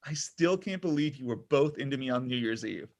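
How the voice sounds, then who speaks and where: In a natural, mid-range voice that's expressive and a little fast, an actor at a comedy pilot table read takes on the role of a needy, pushy man in his thirties on a date. He plays him whiny, defensive and over-explaining, so the tone is awkward and defensive.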